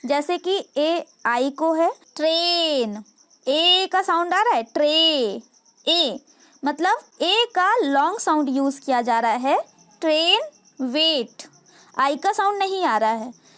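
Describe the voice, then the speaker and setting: A woman teaching English phonics to parents, spelling out letters and sounding out words one by one. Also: very high-pitched. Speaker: home tutor teaching English reading.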